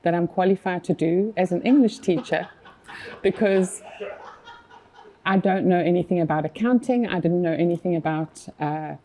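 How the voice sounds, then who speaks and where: A South African woman in her fifties, a magazine publisher appearing as an interview guest, chats casually with plenty of fillers and restarts. Her accented voice sits on the low side, mellow and at a moderate pace, with slight background noise.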